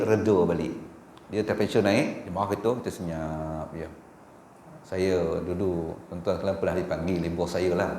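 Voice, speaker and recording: A middle-aged Malaysian Malay man gives a dawn lecture in a mosque hall, his low voice ringing in the room. He talks to the congregation in a chatty way, checking with them often, and lifts into a slow chant for Arabic quotations. A faint hum of the hall sits behind him. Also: darkish tone. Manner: conversational, often asks the audience "kan?" and laughs. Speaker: religious teacher.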